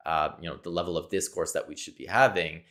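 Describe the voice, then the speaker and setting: A Québécois man from Quebec, Canada, French as his first language, speaks fast in accented English with a low, slightly bright voice and fairly even intonation. Alone in front of the camera and recorded on its mic, he thinks aloud in a searching, repetitive way.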